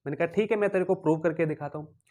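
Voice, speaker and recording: A man's voice: fairly high pitch, racing. A man with an Indian accent teaching physics in a classroom lecture, repeating key terms as questions to the class and acting out objects as characters in playful stories. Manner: animated, acts out objects as characters.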